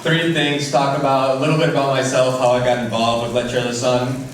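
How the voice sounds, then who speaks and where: A man's voice: medium pitch, little pitch movement, brisk, slight background noise. A young man from Puerto Rico giving a friendly speech at a charity event, laughing at himself now and then. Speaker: charity representative. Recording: echoey, far from the mic.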